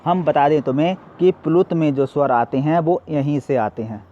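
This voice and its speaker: A man's voice: on the high side, normal speed, dark tone, muffled recording. A male teacher giving a classroom lesson, asking questions and answering them himself.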